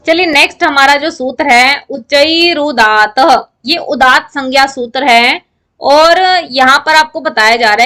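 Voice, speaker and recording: A woman's voice: sits high, bright, forceful tone. A woman giving an online grammar lecture to students, explaining step by step and answering her own questions. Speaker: Sanskrit grammar teacher.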